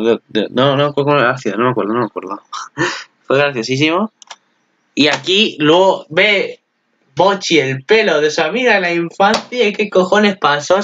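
A man giving casual commentary on an anime preview. He gets excited, laughs often and swears freely. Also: mid-range voice, muffled recording. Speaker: anime channel host.

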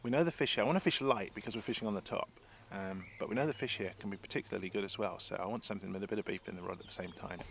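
Speaking very fast with hardly any pauses, a man in his sixties uses a lowish, creaky, slightly bright voice to explain his tackle. He's a fishing guide in a small boat on a lake, chatty and prone to restarts in this outdoor demonstration, with wind and water audible.

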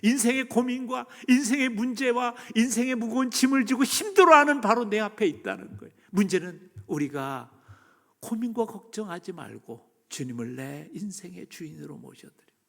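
A man preaching a sermon as pastor, moving between loud emphasis and hushed near-whispers. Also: high voice, lively intonation, normal speed, gravelly. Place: church sanctuary. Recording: long church reverb.

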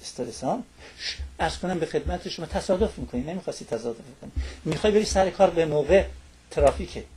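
Lecturing man, slightly high voice. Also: animated, mellow, slight background noise. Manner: lecturing, checks in with tag questions. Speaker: studio guest explaining stress. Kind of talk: explanatory talk-show interview.

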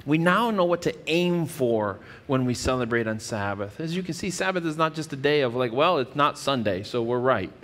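A man's voice: medium pitch, expressive, moderate pace, hardly any pauses, a bit bright. A man in his thirties preaching a sermon from a church stage, explaining scripture earnestly and often restarting his phrases. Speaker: pastor. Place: church stage with wood-paneled wall. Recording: church hall reverb.

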